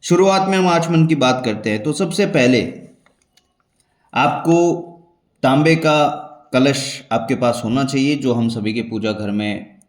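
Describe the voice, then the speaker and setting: A man calmly explaining the steps of a devotional ritual as a spiritual teacher, measured and repeating key points for emphasis. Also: mid-range voice. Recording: echoey room.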